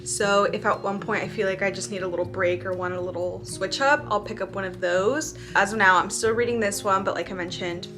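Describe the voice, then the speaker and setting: A woman's voice: mid-range voice, fairly even intonation, brisk, hardly any pauses, music in the background, rough recording. A young woman chatting casually in a book vlog from a beach, rambling with lots of "like" fillers. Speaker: book vlogger. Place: outdoors at a beach.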